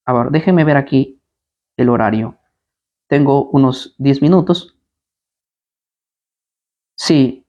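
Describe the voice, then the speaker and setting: A man's voice: mid-range voice, slow, long pauses, dark tone, dull audio. Combative man preaching with rhetorical questions. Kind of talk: live Bible study preaching.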